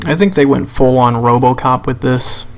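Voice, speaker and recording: A man's voice: mid-range voice, normal speed. A man giving an unscripted, blunt and sweary rant as commentary over a video game, sounding exasperated. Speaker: gamer making a rant video.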